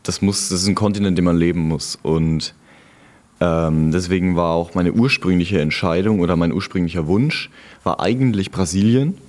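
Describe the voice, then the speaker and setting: Chatting as an interview guest, a young German man shares stories from his volunteer time abroad in a deep, darkish voice at a moderate pace. Born in Frankfurt, he now lives in Franconia, and his storytelling feels easygoing and conversational.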